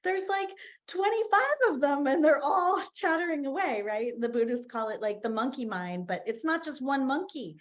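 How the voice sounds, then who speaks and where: A woman's voice: high voice, animated, moderate pace. A woman facilitating an online writing workshop on a video call, enthusiastic and laughing often.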